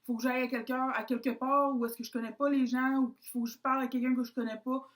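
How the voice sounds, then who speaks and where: A woman's voice: sits high, level tone, fast. A young woman with a Québécois French accent, chatting casually to camera as a vlogger, self-mocking and dropping in English words.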